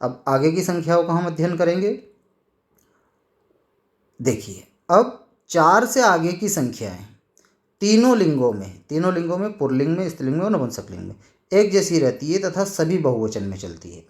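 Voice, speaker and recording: A man explaining a Sanskrit lesson in a slow, careful way. He reads each word out deliberately and keeps checking that students are following. His voice sits a little on the higher side. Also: very animated. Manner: slow, deliberate reading of words with repeated checks. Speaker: Sanskrit teacher.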